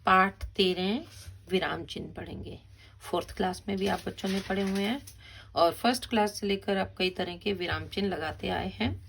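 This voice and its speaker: A woman's voice: mid-range voice, vocal fry, husky. A middle-aged woman, a school teacher patiently explaining a grammar lesson step by step to children.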